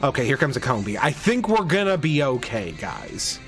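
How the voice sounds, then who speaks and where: A man's voice: medium pitch, huge pitch swings, normal speed, fairly bright tone, faint music behind. A man hosting a casual game playthrough, chatting and rambling through his moves with frequent restarts. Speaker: host of a game playthrough podcast. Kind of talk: casual let's play commentary.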